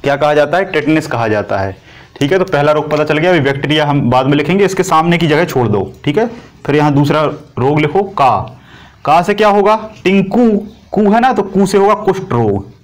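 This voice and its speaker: Higher-pitched man teaching a class. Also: lively intonation, fairly quick. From India. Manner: repetitive, asks and answers own questions. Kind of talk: coaching class lecture.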